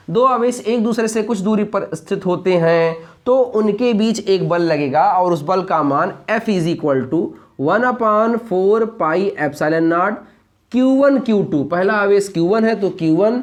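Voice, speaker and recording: A man teaching a lesson, who poses rhetorical questions and answers them, repeats key points and keeps checking that students follow. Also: sits high. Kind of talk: explaining a physics lesson.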